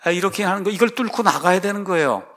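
A man's voice: sits high, lively intonation, quick pace, a bit bright. Emphatic Korean male pastor preaching. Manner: emphatic, repeats rhetorical questions to the congregation. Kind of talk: sermon.

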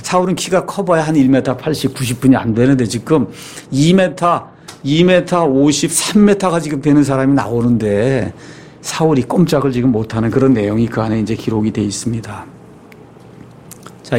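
A man's voice: mid-range voice, darkish tone, slight background noise. A man, a pastor, preaching a sermon in a conversational way, often asking his listeners rhetorical questions.

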